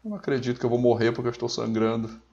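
A man's voice: medium pitch, fairly even intonation, racing, creaky, a little mellow, muffled recording. A man with a Brazilian Portuguese accent giving playful, mock-melodramatic let's-play commentary and barking orders. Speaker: gameplay commentator.

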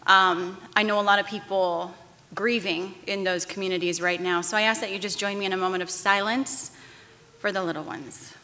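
A woman in her thirties giving a commencement address from a podium, candid and halting, with restarts and fillers. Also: medium pitch, steady tone, sharp tone. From Texas-Mexico border region. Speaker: commencement speaker, news anchor. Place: large auditorium stage. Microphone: podium microphones. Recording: long hall reverb.

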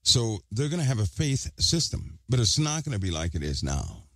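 A man's voice: fairly low pitch, big pitch swings, moderate pace, fairly bright tone, no echo. A man preaching an online sermon, emphatic and repeating phrases for stress, talking with a hard object held in his mouth.

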